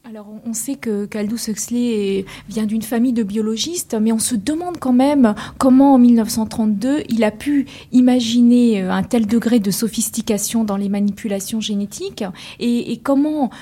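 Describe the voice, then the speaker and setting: A woman asks a radio guest a long, hesitant question. Her voice is a little high but mellow, with a husky grain. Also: moderate pace, hardly any pauses. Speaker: interviewer.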